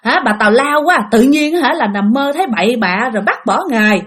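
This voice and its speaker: A woman's voice: sits high, lively intonation, fairly quick, fairly bright tone. A woman voicing a stubborn husband who brushes off his wife's fears. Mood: scoffing. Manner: scoffing, brusque. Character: stubborn dismissive husband, money-minded.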